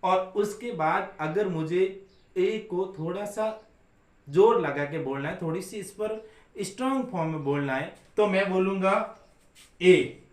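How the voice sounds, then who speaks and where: High-voiced Indian man teaching slowly. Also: echoey room. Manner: repeats questions and answers them himself. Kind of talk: classroom grammar lesson.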